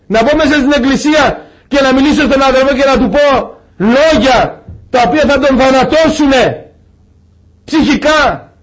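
A man preaching a sermon to a church congregation, firing off one rhetorical question after another. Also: extremely high pitch. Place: church service before a congregation.

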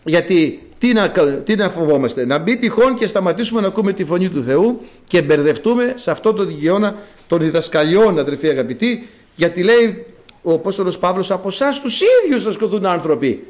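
Male preacher, fairly high voice; measured scripture reading, then fervent sermon with emphatic peaks. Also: lively intonation. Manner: addresses listeners as beloved brothers.

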